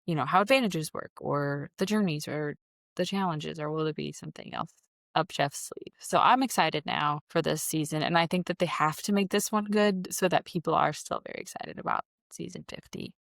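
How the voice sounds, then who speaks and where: Lowish gravelly woman podcaster, chatty and opinionated, dry close sound. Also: a little fast, no room sound. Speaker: podcast co-host. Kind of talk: casual chat.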